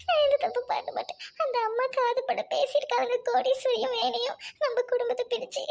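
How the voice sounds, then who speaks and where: A woman's voice: very high-pitched, creaky, a little mellow. A woman playing a young village wife who cries and pleads for forgiveness. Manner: sobbing, pleading apologies. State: crying.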